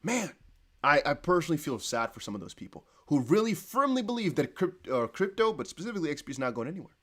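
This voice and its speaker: Fast-talking and sing-song, this young man has a slightly high, fairly bright voice. He hosts a crypto livestream, speaks Dutch as his first language, and rambles casually, reading viewer comments aloud and often correcting himself.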